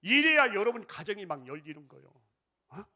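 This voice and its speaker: Male pastor, Jeolla accent, high-pitched, very lively, revival sermon, chanting and storytelling. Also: brisk. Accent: Jeolla Korean. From Jeolla, South Korea. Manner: shouting call-and-response chants, switching to chatty storytelling. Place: church sanctuary.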